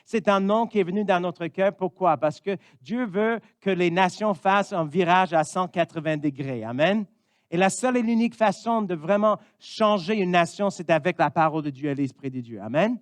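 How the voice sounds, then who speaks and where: A man's voice: sits high, normal speed, no echo. A man in his fifties from Missouri, a pastor, preaching a sermon in an earnest way and often saying amen. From Missouri, United States.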